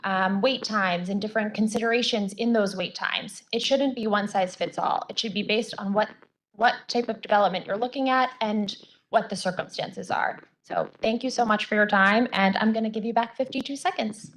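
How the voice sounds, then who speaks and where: A woman attorney giving public hearing testimony with a voice that is going hoarse, speaking earnestly with frequent ums and restarts. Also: mid-range voice, normal speed, a bit bright, low-quality recording.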